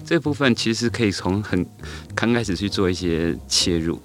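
A man's voice: lowish voice, expressive, normal speed. A middle-aged man, a teacher guest on a podcast, tells a story unhurriedly, with many hesitant fillers and restarts. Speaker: guest, elementary school teacher.

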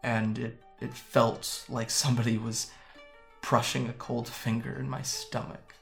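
A man playing a gravelly, hesitant young man. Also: medium pitch, little pitch movement, soft background music. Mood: somber. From Japan. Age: young adult. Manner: soft, hesitant storytelling with halting restarts. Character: young man, guarded and wry, recalling his escape. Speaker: interviewee. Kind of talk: audio drama monologue.

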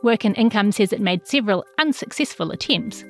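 A woman journalist with a New Zealand accent reads a scripted news feature over soft background music. Her mid-range voice is expressive and a little fast.

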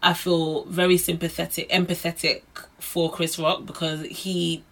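A woman's voice: lowish voice, flat delivery, measured pace, rough recording. A young British woman chatting casually as a podcast co-host and giving her opinions. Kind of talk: casual chat.

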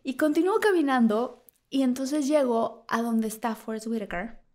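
A woman's voice: sits high, normal speed, a little mellow. A woman with a Mexican accent, a talk show guest who tells a funny story, acting out the lines of others and laughing often. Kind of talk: animated anecdote telling.

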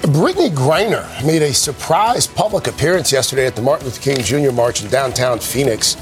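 A man's voice: mid-range voice, animated, a little fast, faint music behind. A man reading a scripted news item as a morning show anchor.

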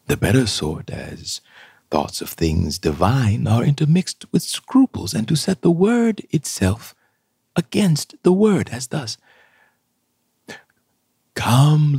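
Husky, brooding deposed king in prison. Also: mid-range voice, dark tone, dry recording, heavily acted. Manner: halting, introspective, theatrical, breaking into sudden swells. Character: imprisoned deposed king, brooding, self-pitying, mentally unravelling. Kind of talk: Shakespearean verse soliloquy, radio play acting.

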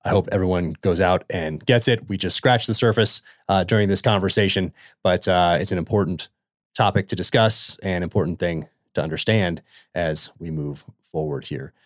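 A man hosting a podcast, reading a book excerpt aloud and then welcoming his guest in a halting way, with many fillers and restarts. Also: low-pitched, dry recording, clean studio sound. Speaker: podcast host.

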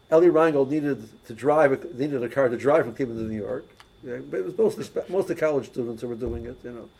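Male religious teacher, husky middle pitch, chatty storyteller who restarts his sentences often. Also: a little mellow, rough recording. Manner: storytelling, many restarts and repeated words. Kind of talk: casual teaching talk with anecdotes.

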